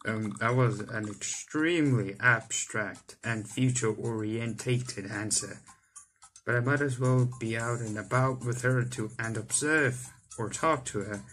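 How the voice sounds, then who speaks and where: Seated indoors in front of a webcam, a young man gives visual novel text a dramatic reading, tripping over words here and there. He speaks at medium pitch with a fairly bright tone and no rush, though the audio is poor and the game's music plays behind his voice.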